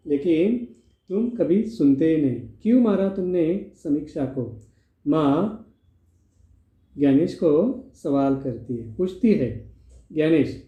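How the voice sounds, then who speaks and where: A male teacher explaining a play line by line in a classroom lesson, asking and answering his own questions. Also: fairly high pitch. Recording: echoey room, phone-like sound.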